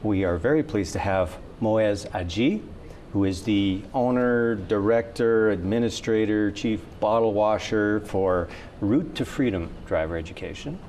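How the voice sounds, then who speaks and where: Guy hosting a tv talk show, lowish voice, easygoing questions, bit of studio hum. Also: unhurried. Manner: relaxed, friendly questioning with fillers. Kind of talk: casual studio interview.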